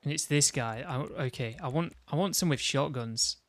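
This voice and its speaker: A man's voice: medium pitch, moderate pace, dry recording. A man giving casual commentary while building a game mission, thinking aloud and talking to himself. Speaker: gaming video creator.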